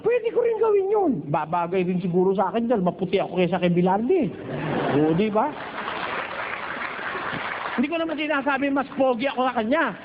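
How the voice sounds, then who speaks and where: A man from the Philippines preaching at a Bible study in a teasing, joking way, at times slipping into slow chanted singing. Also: extremely high pitch, expressive. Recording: dull lo-fi recording with faint noise.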